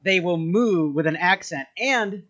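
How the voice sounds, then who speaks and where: A man's voice: sits high, animated, unhurried, a bit bright, dull audio. A man hosting a casual podcast quiz game, upbeat and teasing, often laughing.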